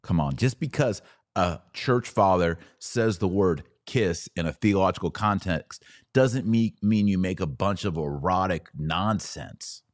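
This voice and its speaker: Low-pitched and unhurried, this podcast host delivers opinionated live commentary, reading things aloud and reacting with mockery, sarcasm and emphasis. The sound is clean studio quality with no echo.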